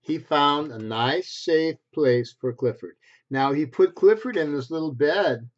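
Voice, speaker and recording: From a small bedroom at home, a man in his sixties reads a picture book aloud to preschoolers in an unhurried voice on the high side. His phrasing is simple and expressive, with small asides mixed in. The webcam sits at desk distance and the recording sounds dull and lo-fi.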